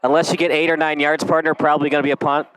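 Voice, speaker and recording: A man calling a high school football game play by play, in a brisk, chatty manner. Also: level tone, a bit bright, smooth, no room sound, low-quality recording. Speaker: play-by-play announcer. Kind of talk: live sports commentary.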